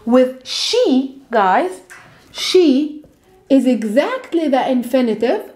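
A high-pitched woman in her thirties, a native Arabic speaker, teaches a lively lesson at a whiteboard, repeating words slowly and stressing them. She wears a lapel mic in a bright indoor room.

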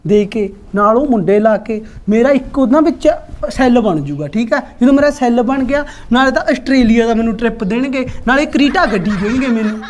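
A boastful village husband, played by a woman, talks in long, rambling bursts and brushes off every objection. The voice sits high. It is a comic sketch. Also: expressive, fairly quick, hardly any pauses, darkish tone, close to an everyday voice. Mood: scheming. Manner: bragging, rambling, talks over his wife. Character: boastful village husband hooked on a money scheme.

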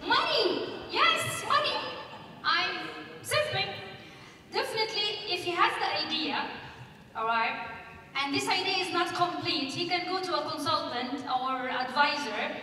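Speaking unhurriedly in a very high voice, a panelist on a large conference hall stage holds a mic and livens things up by asking the crowd questions. Picked up from a distance, the sound is echoey with slight background noise.

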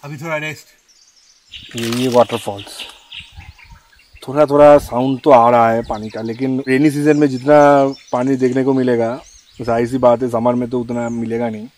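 A man's voice: mid-range voice, flat delivery, moderate pace, darkish tone, a little hiss or hum. A young man chatting to an action camera held at arm's length as he walks an outdoor trail for his travel vlog. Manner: chatty, talking to camera while hiking. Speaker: travel vlogger.

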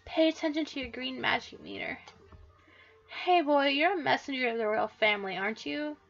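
A woman's voice: high-pitched, fairly quick, gravelly, fairly bright tone, muffled recording. A woman voicing a flirty female great fairy with a sultry, teasing game-character voice.

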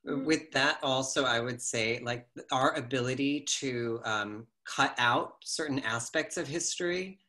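Bright-voiced man on a video call. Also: medium pitch, a little slow, hardly any pauses. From United States. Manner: conversational, uses "like" often, gestures while talking. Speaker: panelist curator. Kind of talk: casual video call discussion. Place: home living room indoors. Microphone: laptop webcam video call.

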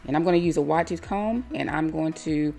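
A woman hair stylist calmly explaining each step of a hair tutorial in a voice-over. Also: deep voice, fairly quick, vocal fry, faint music behind. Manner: calm, step-by-step instructive.

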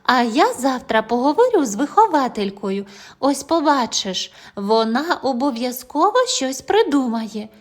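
A woman's voice: high voice, very animated, a little slow, heavily acted. A woman voicing a caring mother who speaks firmly but reassuringly, in an audio fairy tale. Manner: firm, reassuring.

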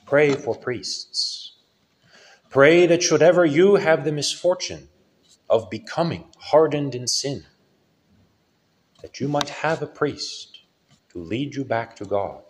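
A male priest giving a solemn sermon with a lively rise and fall in his preaching. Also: on the high side, slight background noise. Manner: slow, solemn preaching with lively rises and falls.

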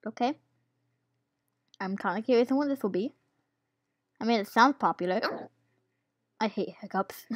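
A woman's voice: mid-range voice, no room sound. Casting note: woman gaming YouTuber, hiccuping, giggly and unsure, mid-range voice, very dry close sound. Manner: giggly, hesitant, lots of ums. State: has the hiccups. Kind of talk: casual gameplay commentary.

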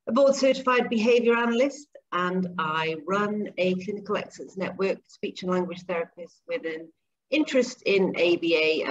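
Chatty woman on a muffled video call. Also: fairly low pitch. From grew up in Zambia and Papua New Guinea. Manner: chatty, earnest, explains at length. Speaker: guest, speech and language therapist. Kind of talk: casual video-call interview. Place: home kitchen, indoors. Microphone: laptop webcam mic on video call. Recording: dull lo-fi call audio, faint noise.

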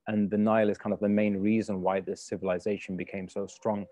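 On a video call from his home, a British-raised cook presents webinar slides politely, often using fillers and starting over. He talks fairly quickly in a lowish, warm voice with flat delivery, and the recording is dry.

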